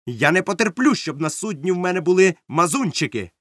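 Stern ship captain voiced by a man, curt barked orders, raised pitch, dry close sound. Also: sing-song, fairly quick, dry recording. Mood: angry. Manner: curt, commanding, barks orders.

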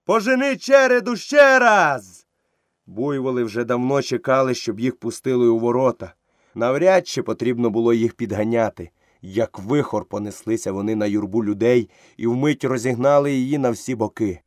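A man narrating a storybook in an even storytelling manner. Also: medium pitch, normal speed, no echo, clean studio sound.

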